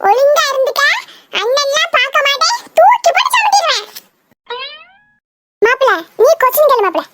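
Squeaky cheeky schoolkids. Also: bright, forceful tone, a little hiss or hum, exaggerated voice. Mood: rowdy. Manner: teasing, squabbling, shrill giggling. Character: chattering village schoolkids, boys and girls, cheeky. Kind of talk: cartoon voice acting.

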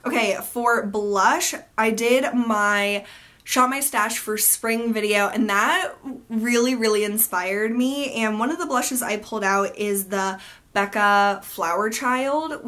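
A young American woman talks through her favorite beauty products in a relaxed, chatty way, filling her sentences with ums and likes. Her voice sounds nasal and a little stuffed up from seasonal allergies, and she keeps an upbeat tone. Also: fairly high pitch. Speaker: beauty vlogger. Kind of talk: casual product review.

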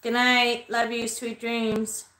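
A woman in her thirties, a spiritual medium, livestreams from a small red-lit bedroom into a webcam at desk distance, rambling and swearing freely with viewers. Her voice is on the high side, completely flat, slow, pushed and bright, and the recording is rough and reverberant.

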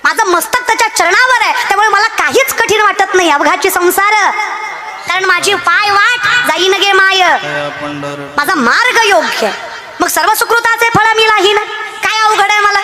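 Young woman from maharashtra preaching a kirtan, super high voice, fiery and chanting, pushing hard. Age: young adult. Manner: impassioned, chants verses, exhorts loudly. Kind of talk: devotional kirtan sermon.

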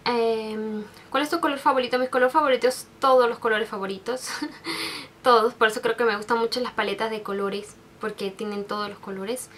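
Recorded on a desk webcam in a bedroom full of makeup shelves, a soft-spoken Peruvian woman in her 20s reads viewer questions aloud for a casual Q&A tag video. She's a beauty vlogger with a slightly high voice, fairly even intonation and normal speed, sentimental with many restarts and fillers, over slight background noise.

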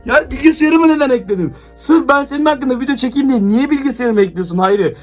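Young man, very high voice, frantic, exclaiming, home vlog, handheld camera, faint music behind. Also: animated, quick pace. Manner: frantic, exclaiming, keeps addressing viewers. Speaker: YouTuber. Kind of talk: staged excited vlog. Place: his home, indoors.

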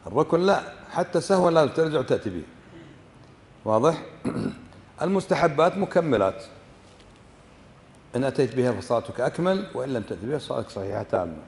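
Kuwaiti sheikh teaching in a reverberant hall. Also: male voice, medium pitch, animated, fast talker, pauses often, a little mellow. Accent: Kuwaiti Arabic. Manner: asks the class frequent questions and demonstrates pronunciations. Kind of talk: religious lesson explaining a book.

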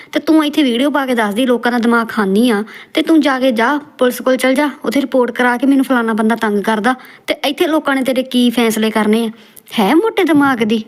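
Woman, mocking roast commentary, brisk pace. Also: on the high side. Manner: scolding, mocking.

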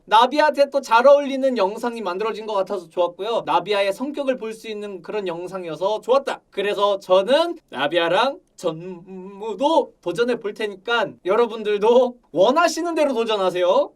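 High, excitable man reacting to a game. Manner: excitable, gushing exclamations. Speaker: streamer reacting to a game trailer. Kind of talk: casual reaction commentary. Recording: slightly distant mic with music behind.

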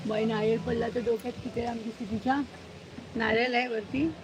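A woman's voice: a little high, flat delivery, moderate pace, background noise. A woman hosting a casual live stream at home, cooing baby talk to her cat and dog and scolding them sharply. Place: outdoors at home near a gate.

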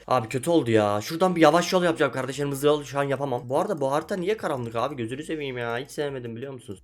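A young man giving chatty, excitable commentary over his own gameplay, often shouting when frustrated. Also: medium pitch. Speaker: gaming YouTuber.

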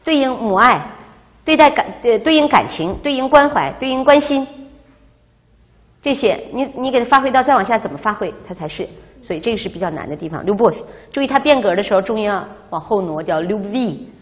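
A woman teaching a language class, explaining words and quizzing her students in a lively way, recorded in a classroom. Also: fairly high pitch, brisk. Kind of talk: classroom lecture. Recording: reverberant classroom.

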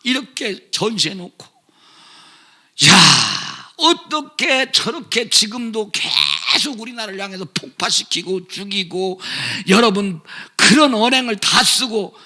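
Older male preacher, fiery and sarcastic, shouts then mutters; gravelly, husky tone. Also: sits high, sing-song, takes it slowly. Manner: shouting, sarcastic, scolding, swings from loud to muttered. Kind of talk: fiery political sermon.

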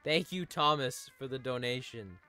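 Male game streamer, bright sharp voice, excitable, laughs and swears while thanking donors. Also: medium pitch, moderate pace, soft background music. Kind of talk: live gaming stream chat.

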